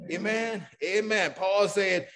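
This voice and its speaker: A man with a slightly raised pitch teaches a church Bible class. He keeps tossing out "what?" and then answering his own question. Nearly every point ends on an "amen," with a small chuckle now and then. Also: slow, fairly bright tone. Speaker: Sunday school teacher.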